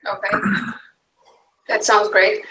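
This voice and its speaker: A woman from Romania, hosting a casual video-call chat, upbeat and quick to laugh as she steers the talk. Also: bright, forceful tone, a little hiss or hum. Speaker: livestream host. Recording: echoey room over a video call.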